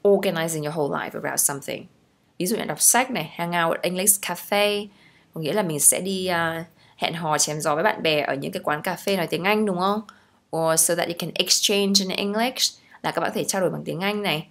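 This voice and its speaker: Woman, Vietnamese accent, young adult, English teacher, slightly low voice, explains phrase by phrase, checks in with listeners. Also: fairly quick, a bit bright. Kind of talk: language lesson explaining phrases.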